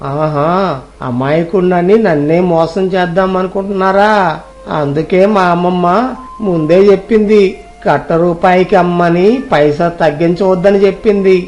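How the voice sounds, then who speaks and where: A man's voice: high voice, moderate pace, a little mellow, close to an everyday voice. A man voicing a naive, innocent young village lad in a cartoon story, speaking in a simple, eager way.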